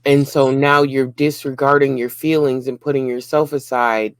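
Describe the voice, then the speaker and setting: A man's voice: medium pitch, level tone, normal speed, clear, resonant tone, no echo. A man co-hosting a casual relationship talk, speaking earnestly in short repeated phrases. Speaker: co-host of a relationship channel.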